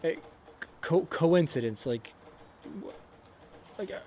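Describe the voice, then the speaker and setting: A young man co-hosting a casual faith and motivation talk, animated, acting out quotes and saying "man" and "dude" a lot. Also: on the high side, slow, slight background noise. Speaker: podcast co-host.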